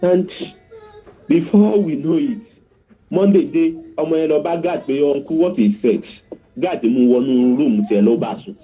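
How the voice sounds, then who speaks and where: A man's voice: on the high side, moderate pace, soft background music. Earnest Yoruba-accented man on a phone line. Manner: earnest, instructive, often asks the listener to confirm. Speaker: guest speaker on parenting. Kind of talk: teaching talk with told anecdotes.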